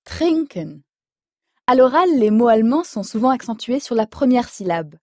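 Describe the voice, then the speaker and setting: A woman teaching an audio language lesson, explaining slowly and clearly and spelling words out letter by letter. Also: on the high side, dry recording, clean studio sound.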